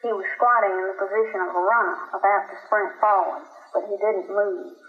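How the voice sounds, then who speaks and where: A woman narrating a story at a steady, unhurried pace. Her voice sits in the middle of the range. The recording is dull and roomy. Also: mid-range voice. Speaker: audiobook narrator. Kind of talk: scripted narration.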